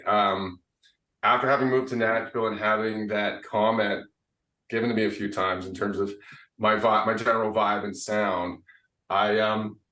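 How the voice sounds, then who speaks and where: A low-voiced man from Canada speaks as an interview guest, recorded a little back from the mic in a roomy space. He talks in an unhurried, reflective way, often restarting his sentences. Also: pushed and bright, recorded from a distance. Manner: thoughtful, unhurried, with frequent uh and restarts. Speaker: singer-songwriter guest. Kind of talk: casual interview chat.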